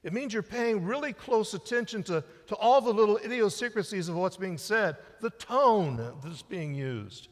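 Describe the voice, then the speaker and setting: A middle-aged male pastor delivers a conversational sermon in a sanctuary, his somewhat high voice swelling and then falling to a near hush on the words he wants to land. The live-streamed sound trails off in the long reverb of the church hall. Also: expressive, normal speed, hardly any pauses. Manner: conversational preaching, rising and dropping to a hush for emphasis. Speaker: senior pastor. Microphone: church sound system mic.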